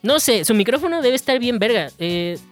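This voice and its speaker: A man's voice: very high voice, lively intonation, normal speed, soft background music. A man hosting a comedy monologue, rambling crudely with many hesitations. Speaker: comedy podcast host.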